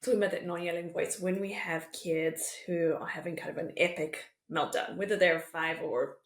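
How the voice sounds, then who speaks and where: A woman podcast host with a fairly low voice asks brisk follow-up questions that recap her guest's points. Her voice carries a roomy echo. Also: fairly even intonation. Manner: quick, summarizing follow-up questions. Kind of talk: interview question.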